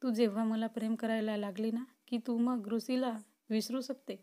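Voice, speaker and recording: Voicing an obsessive and possessive young man in a storybook, a woman swings intensely from pleading to threatening. She speaks at a moderate pace in a fairly high, dark voice close to how she normally sounds, with a flat delivery.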